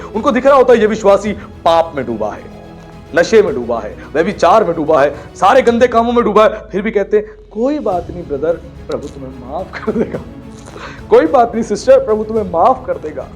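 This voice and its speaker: A man's voice: high-pitched, expressive, fast, soft background music. A man preaching a sermon with passion, acting out the people he describes as he goes. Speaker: pastor.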